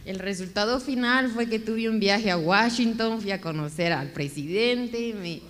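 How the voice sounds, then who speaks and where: A woman's voice: mid-range voice, a little slow. Woman from Guatemala, an interview guest, telling her story with feeling in an echoey hall. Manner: animated, emotional storytelling.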